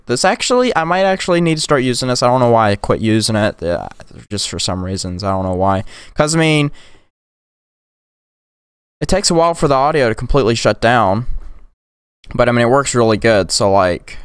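A man's voice: medium pitch, animated, a little fast, clear, resonant tone, dry recording, studio quality. A young man casually walking through a tech tutorial, rambling with lots of "like" and "um". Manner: rambling, filler-heavy, drops to whispers and yells in demos. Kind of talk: casual screen-recorded tutorial. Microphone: close USB condenser mic.

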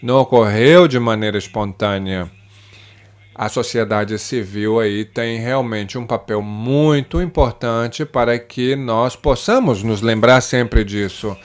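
Interpreting a panel discussion live, this man speaks in a mid-range voice. His delivery is measured, with frequent pauses, fillers and restarts.

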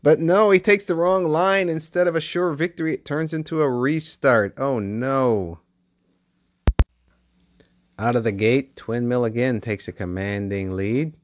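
A man giving play-by-play commentary on toy car races as the channel host, with bursts of excitement at close finishes. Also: medium pitch, measured pace. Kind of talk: race commentary. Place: basement with toy race track.

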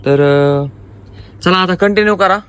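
A man's voice: high-pitched, unhurried, a bit bright, smooth. A young man casually vlogging around his rural farm, chatting to his viewers as friends on a handheld phone. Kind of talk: casual vlog chat. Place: rural farmyard and fields, outdoors.

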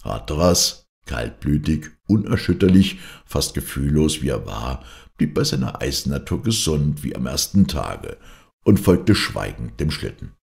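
A man reading a classic adventure novel aloud as an audiobook narrator, in a steady, measured way. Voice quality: very deep, gravelly voice. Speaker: audiobook reader.

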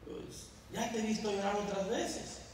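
A man's voice: high-pitched, little pitch movement, unhurried, darkish tone, slight background noise. A man voicing a flustered young husband who coaxes and reassures, in an echoey hall. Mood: pleading. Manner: coaxing, reassuring. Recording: echoey church hall, mic at a distance.

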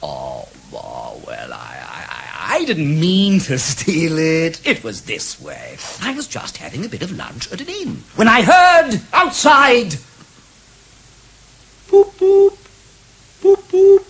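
Wildly swooping, conceited Toad, British. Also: male voice, on the high side, huge pitch swings, a little slow, creaky, few pauses, bright, forceful tone, breathy edge, heavily acted. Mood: sheepish, then excited. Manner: blithe, boastful, theatrical. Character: conceited, excuse-making male toad on trial. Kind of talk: 1970s radio drama acting. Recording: hissy old radio broadcast.

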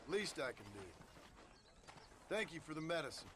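A man's voice: fairly high pitch, very animated, normal speed, fairly bright tone, a little hiss or hum. A man playing a polite but tough drifter gunslinger in a western video game, laconic and dry. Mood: dry, courteous.

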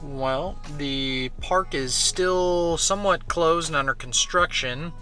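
A man's voice: a little high, slow, pushed and bright, soft background music. A man rambling casually and playfully to his vlog while he runs along an outdoor trail. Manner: talking while running outdoors. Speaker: vlogger.

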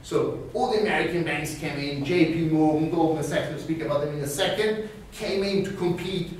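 Lecturing on finance in a small classroom fitted with a screen and whiteboard, an animated middle-aged man from Austria talks at normal speed, his voice a touch high, punctuating points with "okay?" and broad gestures. The room echoes heavily. A distant camera captures him, with a light hiss underneath.

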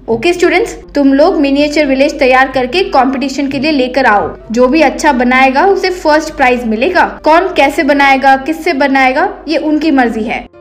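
Stern female teacher voiced by a woman, lecturing tone, high voice, faint music. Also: close to an everyday voice. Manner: lecturing, scolding.

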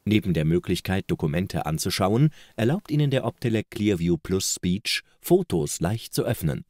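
A man's voice: deep voice, very animated, moderate pace, darkish tone, no room sound. A man reading scripted promotional narration as the narrator of a product video, recorded close in a studio. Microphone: close studio voice-over microphone.

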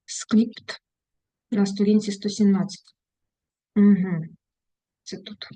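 Woman, English teacher, mellow tone, reads out words and translates, fond asides. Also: medium pitch, fairly even intonation, takes it slowly. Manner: reads textbook lines then translates; affectionate diminutives to students. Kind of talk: online English lesson.

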